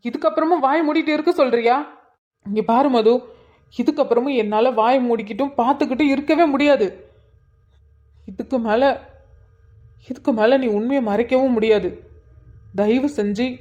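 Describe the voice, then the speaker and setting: A woman playing an angry young man, high and dull. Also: moderate pace, pauses often, a little mellow, lightly acted. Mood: firm. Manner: pleading, accusing. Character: angry young man scolding his sister. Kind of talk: cartoon voice acting.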